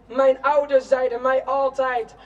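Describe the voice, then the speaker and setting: Slow, declamatory young woman at a rally. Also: sits high, little pitch movement, highs cut off. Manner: slow, declamatory, with shouted chants. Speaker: rally speaker. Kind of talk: protest speech, spoken-word poetry. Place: outdoor city square at a demonstration. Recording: distant outdoor rally recording.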